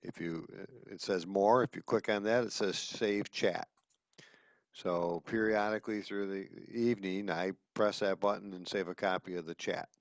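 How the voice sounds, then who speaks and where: Low-voiced man explaining on a call. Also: fairly even intonation, moderate pace, no echo. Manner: explains step by step with fillers. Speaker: meetup participant. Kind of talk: casual video call chat. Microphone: computer mic on video call.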